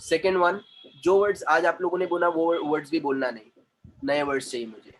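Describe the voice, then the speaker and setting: A man's voice: fairly high pitch, a little fast, low-quality recording. A man with an Indian English accent, teaching an online English class. He switches between Hindi and English and drills his students on syllables in a playfully stern way. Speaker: English communication trainer. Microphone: video call.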